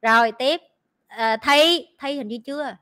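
Lady hosting a livestream, bright sharp voice, blunt and teasing. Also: sits high, clean tone. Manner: blunt, teasing, talks fast in bursts. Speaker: livestream host. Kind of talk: casual livestream chat with team.

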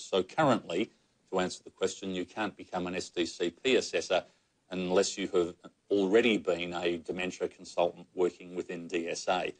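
Measured Australian man, very low voice. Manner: measured, explanatory. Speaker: psychogeriatrician panellist. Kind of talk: panel discussion answers.

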